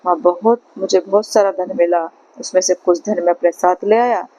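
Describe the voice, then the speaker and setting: A woman voicing a calm, polite young lad in a storybook tale who gives plain advice, on a slightly muffled recording. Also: on the low side, moderate pace, no room sound, close to an everyday voice.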